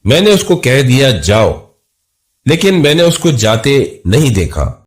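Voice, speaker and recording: A man narrating a scripted first-person horror story in a measured, suspenseful way. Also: medium pitch, sing-song.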